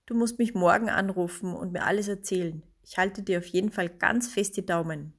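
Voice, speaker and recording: A woman voicing a cheerful, supportive female friend in a bright, reassuring tone. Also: medium pitch, steady tone, a little fast, close to an everyday voice.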